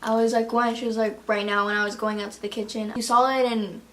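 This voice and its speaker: A woman's voice: on the high side, fast talker. Chatty young woman telling ghost stories. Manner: animated storyteller, acts out quotes, lots of "like". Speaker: vlog co-host. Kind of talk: casual ghost story telling.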